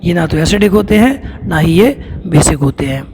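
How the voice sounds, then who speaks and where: A man teaching a school science lesson, explaining step by step and reading lines slowly. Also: fairly high pitch, lively intonation, darkish tone. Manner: explains step by step, reads English lines slowly, then restates them. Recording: echoey room with clear noise.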